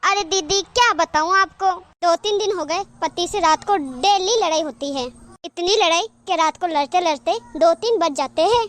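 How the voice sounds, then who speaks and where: A gossipy cartoon housemaid with a very high voice, put on by a woman, who chatters through her complaints. She sounds put-upon but friendly. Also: moderate pace, fairly bright tone. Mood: chatty. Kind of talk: cartoon voice acting.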